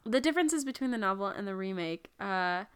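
A woman's voice: medium pitch, expressive, clear, resonant tone. A woman co-hosting a podcast with a stuffed-up cold, chatting about a movie with sarcastic comebacks. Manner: sarcastic, laughing, quick comebacks. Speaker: podcast co-host. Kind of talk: casual movie-review chat. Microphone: podcast microphone.

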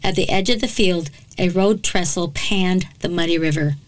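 A woman's voice: lowish voice, moderate pace, low-quality recording. Woman narrating true crime, wry asides. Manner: dramatic narration broken by sarcastic, blunt asides. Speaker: true crime podcast host. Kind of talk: true crime storytelling with commentary.

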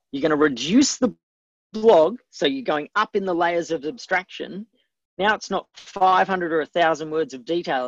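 Man, webcast host, gravelly voice, emphatic and chatty, dry dull sound. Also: fairly high pitch, no room sound. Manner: emphatic, conversational, answers viewer questions. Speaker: webcast host and book coach. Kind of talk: live webcast teaching.

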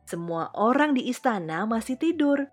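A woman reading a children's storybook aloud in an expressive, sing-song way. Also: on the high side, normal speed, slightly rough, soft background music. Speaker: storybook reader. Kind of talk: scripted children's story narration.

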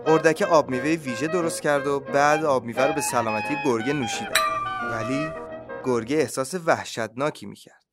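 A man hosting and reading a children's story aloud, with lively, animated narration. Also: medium pitch, loud music behind the voice. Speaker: host and storyteller.

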